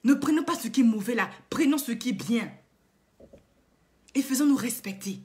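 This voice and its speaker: Brief: woman vlogger with a high voice, indignant, lectures her viewers through repeated rhetorical questions. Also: expressive, normal speed, darkish tone. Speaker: online coach and vlogger. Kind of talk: impassioned moralizing monologue to viewers.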